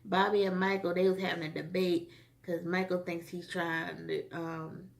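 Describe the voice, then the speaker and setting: Gravelly low-voiced woman recapping a show. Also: flat delivery, moderate pace. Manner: rambling, chatty, with frequent fillers. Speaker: TV episode reviewer. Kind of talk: casual recap vlog.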